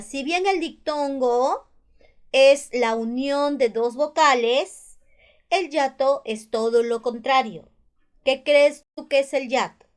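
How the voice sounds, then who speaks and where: A woman teacher with a Peruvian Spanish accent, patiently explaining spelling rules and repeating each one. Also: high-pitched. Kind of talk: spelling lesson explained over slides.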